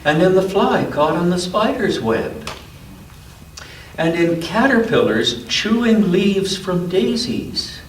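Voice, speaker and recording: Background noise and echo fill this distant recording from a roomy church, where a man with a high, very animated voice reads a children's picture book aloud. He stops often to add asides and quiz the listening kids about the pictures.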